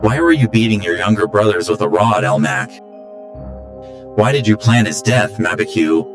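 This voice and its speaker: A man voicing a deep, echoing machine spirit. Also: animated, normal speed, close to an everyday voice. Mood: solemn. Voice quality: mechanical, solemn. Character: all-knowing machine spirit speaking through a chair. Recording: echoey voice over loud music.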